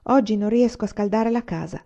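A woman reading aloud and voicing a firm, practical pioneer mother who speaks in a calm, steady way. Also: medium pitch, brisk, natural voice. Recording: slightly dull lo-fi recording.

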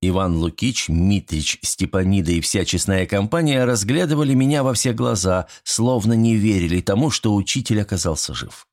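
A man reading an audiobook with lively, character-driven narration. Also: fairly low pitch, normal speed, few pauses.

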